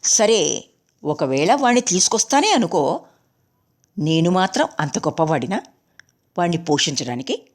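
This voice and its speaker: A woman's voice: on the low side, sing-song, moderate pace, pauses often. A woman voicing a stubborn, irritated husband in a storybook reading. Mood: grudging. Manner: grudging, sharp.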